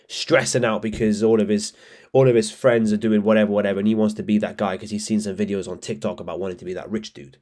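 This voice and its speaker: A man's voice: lowish voice, darkish tone. Blunt man coaching traders. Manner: blunt, swears, calls viewers bro. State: congested with allergies. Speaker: trading coach. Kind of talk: casual motivational talk to camera.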